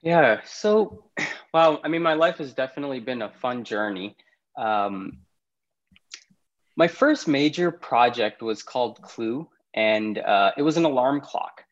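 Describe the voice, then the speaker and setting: Unhurried and expressive, this medium-pitched man speaks over dull audio. A startup founder from Pakistan, he's a laid-back podcast interviewee who laughs often as he moves from one thought to the next.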